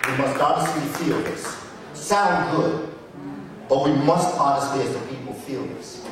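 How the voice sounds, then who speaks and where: A man's voice: on the high side, measured pace, a crowd in the background. A man giving a passionate, preacherly history lecture, emphatic and repeating words for effect, recorded from a distance in a large hall. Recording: echoey hall, recorded from afar.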